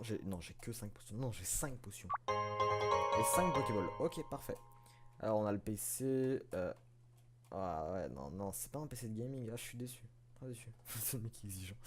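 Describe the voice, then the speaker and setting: A man's voice: lowish voice, big pitch swings, moderate pace, over loud music. A man giving casual, self-mocking commentary while playing a video game, swearing and chuckling now and then. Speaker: let's play host.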